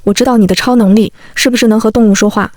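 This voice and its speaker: A woman voicing a gentle, teasing young man who is secretly a fish, speaking softly and playfully. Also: a little high, fairly even intonation, rapid-fire, no room sound, clean studio sound, natural voice. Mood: doting, teasing. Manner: soft, doting and playful.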